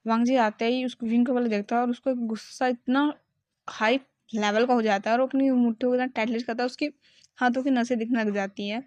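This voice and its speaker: A woman's voice: on the high side, steady tone, fairly quick, darkish tone, no room sound. A woman casually retelling a fan story and speaking the characters' lines in her own voice, often stopping to restart. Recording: dry, dull lo-fi recording.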